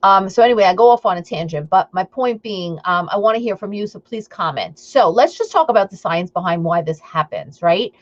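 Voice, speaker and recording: On a muffled recording, an eating coach from Long Island, New York, with a Long Island accent, hosts a live stream. She talks briskly with few pauses in an expressive, medium-pitched voice, staying upbeat and rambling with plenty of fillers and asides to her audience.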